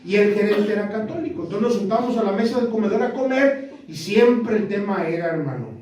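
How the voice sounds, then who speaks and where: A male pastor with a northern Mexican accent, telling a story in a sermon, going from hushed to shouting. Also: high-pitched, animated, fairly quick. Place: large echoey church hall. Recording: echoey church hall, far from mic.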